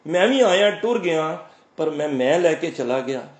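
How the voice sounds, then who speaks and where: A man giving a sermon on scripture. He recites the verses slowly, then explains them and answers his own questions. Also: on the high side, lively intonation, reverberant. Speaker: Sikh preacher. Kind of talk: scripture exposition.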